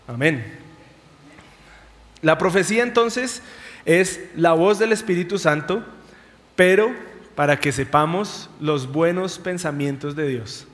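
A male pastor preaching a sermon in an animated, conversational way, asking the listeners questions. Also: fairly high pitch, takes it slowly, long pauses, in a large hall.

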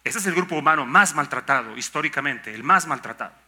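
A man's voice: on the high side, animated, quick pace, bright, forceful tone. An older man, a pastor preaching a sermon emphatically, with rhetorical questions and mock objections.

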